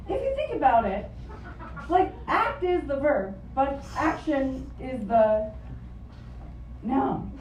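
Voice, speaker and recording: A native Japanese-speaking woman with a high voice performs stand-up on a club stage, telling wry, deadpan stories. An audience member captured it as a lo-fi phone voice memo from far back in the echoey club, with laughter from the crowd.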